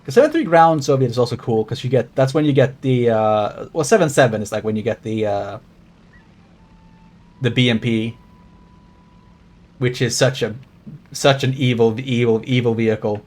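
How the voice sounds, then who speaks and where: A Swedish game streamer with a general American accent speaks at a moderate pace in a medium-pitched, darkish voice, pausing often. Playing live, he rambles casually, swears a lot, and talks to his chat.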